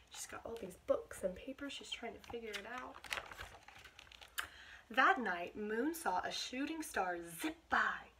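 An American woman in her twenties, a teacher, reads a picture book aloud to children in a fairly high, expressive and encouraging voice, adding asides for her young listeners. She's in a small indoor bedroom, recorded on a home camera microphone with clear background noise.

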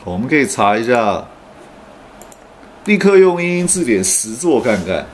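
A man teaches English sounds in an online class, and his pitch rises and falls a lot as he explains. He uses frequent "oh" fillers and says each sample word slowly and carefully. A faint hiss of room noise sits under his voice. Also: very animated. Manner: explains patiently with frequent "oh" fillers, then models words slowly. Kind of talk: online pronunciation lesson.

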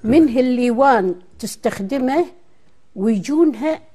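Higher-pitched, mellow Kuwaiti woman. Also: expressive, normal speed, slightly rough. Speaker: interview guest, dialect historian. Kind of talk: conversational television interview. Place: television studio.

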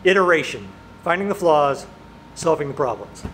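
A man's voice: a little high, sing-song, normal speed, fairly bright tone, slight background noise. A middle-aged man chatting casually and joking to himself while building a project in a large arched metal workshop. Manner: jokey, talks to himself while working. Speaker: maker and woodworking host. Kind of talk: casual workshop vlog talk.

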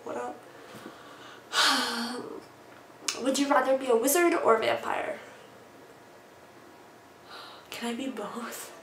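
Speaking a little slowly in a somewhat bright, high-leaning voice with fairly even intonation, a young adult Southern Californian woman works through an accent challenge for her vlog. Her chat is loose, rambling, and sweary. The audio from the small, bare-walled room is roomy and distant, with background noise.

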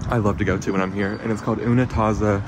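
Excitable young man vlogging on his phone. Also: fairly low pitch, fast talker, noisy background. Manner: excitable, swears freely, lots of "like". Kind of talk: casual vlog talk to camera. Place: inside a car, then a hotel room, then an outdoor street. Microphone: phone camera held at arm's length.

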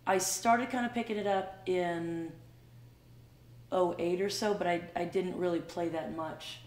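A middle-aged woman hosting a casual chat, speaking in a halting, self-deprecating way. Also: fairly low pitch, fairly even intonation, a little mellow, reverberant. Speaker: host, singer-guitarist. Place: small wood-paneled room at home.

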